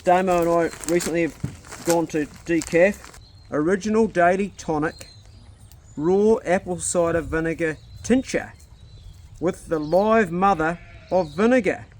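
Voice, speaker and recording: A man's voice: fairly high pitch, a little slow. A laid-back man with a broad New Zealand accent, chatting casually in slangy speech while he does a task as an outdoor vlogger. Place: outdoors, rural. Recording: outdoors with clear background nature noise.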